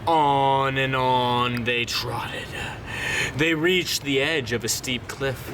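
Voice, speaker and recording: A man's voice: medium pitch, steady tone, slow pace, noisy background. A man reading a children's picture book aloud in a theatrical way, drawing words out dramatically. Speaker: storyteller.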